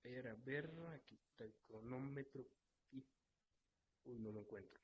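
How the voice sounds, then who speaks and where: A man's voice: mid-range voice, fairly even intonation, normal speed, husky. A man moderating a live online debate, formally laying out the rules step by step. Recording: dull lo-fi online audio.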